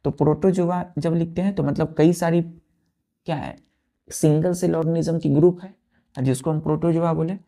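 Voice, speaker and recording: A man teaching a science class who spells words out letter by letter and keeps asking the pupils if it is clear. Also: fairly high pitch, fairly even intonation, normal speed, mellow. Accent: Indian English. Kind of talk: classroom lesson at a board.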